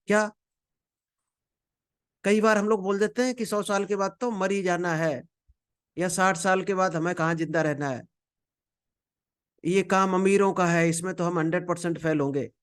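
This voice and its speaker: A man delivers a motivational training talk over slides. His voice sits high for a man, and he keeps it conversational, addressing listeners as a friend and slipping in English phrases.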